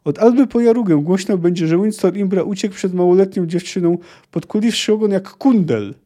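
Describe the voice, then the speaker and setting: A man reading aloud, voicing a brutal male bounty hunter who shouts over a crowd to goad a rival. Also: high-pitched, brisk, pitched above the performer's own voice. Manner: shouting, goading.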